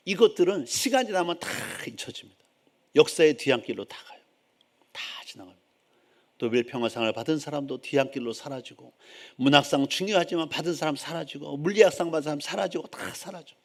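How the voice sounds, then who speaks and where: A middle-aged male pastor preaching a sermon, swinging from quiet asides to loud, emphatic outbursts and acting out complaining believers. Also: a little high, expressive, brisk. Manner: acts out complaining believers in a raised voice.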